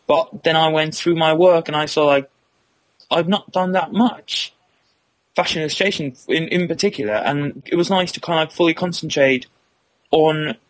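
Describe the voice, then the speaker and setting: Over poor audio, a young illustration student from Finland gives halting interview answers in a fairly high voice at normal speed. His Finnish accent is clear, and his speech is full of fillers, restarts, repeated words, and lots of "kinda like".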